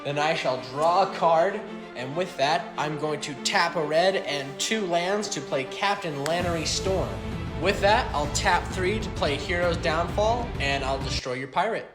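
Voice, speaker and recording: A man with a fairly high voice plays a tabletop gamer in casual sketch dialogue. The room echoes and faint music plays. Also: a little slow. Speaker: card game player. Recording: roomy echo.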